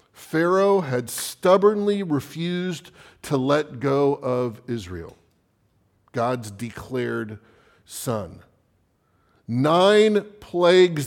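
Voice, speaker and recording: A man preaching an evening sermon, swinging from loud emphatic declarations to hushed, low phrases. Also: gravelly.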